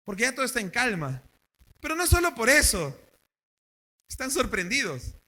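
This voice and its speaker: Man, pastor preaching, very high voice, questions to the congregation. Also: moderate pace. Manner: animated, asks the congregation questions. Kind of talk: sermon. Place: church service.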